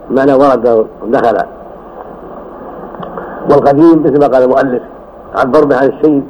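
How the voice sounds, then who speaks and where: An older man teaching as a sheikh, explaining a creed text slowly and correcting his student's reading with frequent "yes". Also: mid-range voice. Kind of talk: classroom commentary on a text. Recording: dull old recording with faint hiss.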